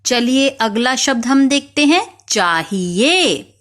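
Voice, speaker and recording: A woman gives a slow, careful spelling lesson for children, breaking each word into its letters. Her voice is fairly high and swings lively up and down as she asks and answers her own questions. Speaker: teacher.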